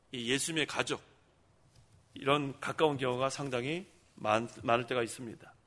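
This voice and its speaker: Middle-aged male pastor, bright and forceful tone, chatty call-and-response sermon style. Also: a little high. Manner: conversational preaching, asking the congregation questions and answering them. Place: church sanctuary.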